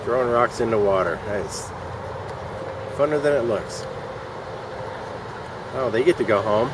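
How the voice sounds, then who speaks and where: His medium-pitched voice is expressive and a little slow as this forties-aged vlogger rambles to a handheld camera held at arm's length outside a shopping center. He offers dry, wry running commentary and muttered asides over traffic and outdoor sounds in the parking lot.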